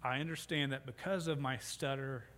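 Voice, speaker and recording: The sermon comes from a middle-aged man serving as pastor, whose stutter makes him repeat sounds and restart words as he speaks into a sound system microphone in a church sanctuary. His voice is medium in pitch, fairly bright, fairly even in intonation, and at normal speed; long hall reverb and faint background noise fill the recording.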